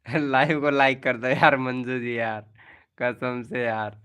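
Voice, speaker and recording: Slow, smooth-voiced man streaming. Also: mid-range voice, level tone, a bit bright. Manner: playful, teasing, chuckling often. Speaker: live stream host. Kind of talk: casual live-stream chat reading viewer messages.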